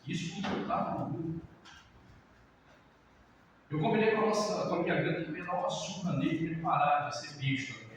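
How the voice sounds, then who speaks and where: A pastor delivers a sermon-style talk with personal stories in a large, echoing church hall, acting out quotes and laughing as a lively storyteller. His male voice sits on the high side, brisk but with frequent pauses. The sound is roomy, captured by a distant mic with background noise.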